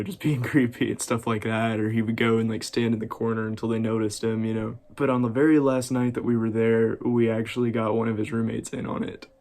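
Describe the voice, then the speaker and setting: A man's voice: medium pitch, a little mellow. Chill young guy doing a storytime video, keeps chuckling, medium voice. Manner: laid-back, laughs often, chuckling asides. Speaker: vlogger. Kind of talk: casual storytime.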